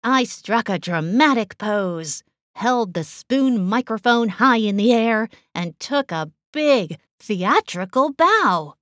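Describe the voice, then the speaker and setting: A woman narrating children's stories in an expressive read-aloud style. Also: fairly high pitch, slow pace, no echo, clean studio sound. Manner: animated and sing-song. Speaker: storybook narrator.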